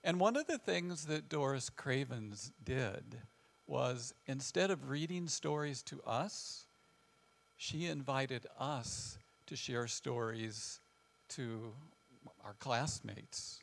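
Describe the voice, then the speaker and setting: This older man, a family counselor from west central Illinois, is guest speaking informally with personal stories before a small seated audience in a large church hall with a wooden floor. His Midwestern voice is gravelly and medium-pitched, animated yet halting and reflective, broken by frequent pauses.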